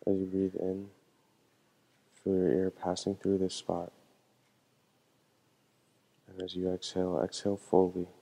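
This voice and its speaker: A low-voiced man leads a meditation with calm, measured instructions, his mellow, soft-edged tone holding a very flat, even pitch. He speaks gently like a meditation teacher, though the audio quality is poor.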